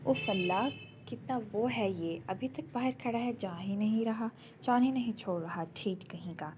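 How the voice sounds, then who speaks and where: A woman's voice: medium pitch, noisy background, natural voice. A woman reading an audio novel, voicing a proud, stubborn young woman who speaks sharply and indignantly.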